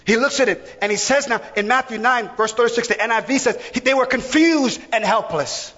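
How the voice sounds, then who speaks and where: A man with a high voice preaches a sermon, pressing his points with emphatic repetition. The sound is dull and lo-fi, with a long reverb hanging behind him. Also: a little fast, sharp tone. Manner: rising to emphatic repeated lines.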